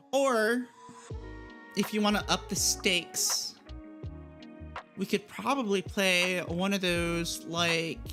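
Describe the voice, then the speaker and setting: A woman with a fairly low, fairly bright voice hosts a gaming livestream, chatting casually, giggling and drifting off topic easily.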